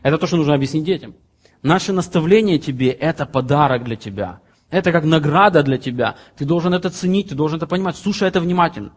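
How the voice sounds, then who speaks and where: A man's voice: fairly high pitch, expressive, quick pace. Earnest man in his thirties preaching. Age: 30s. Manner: earnest, reads scripture aloud then explains in plain examples. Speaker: pastor. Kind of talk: sermon.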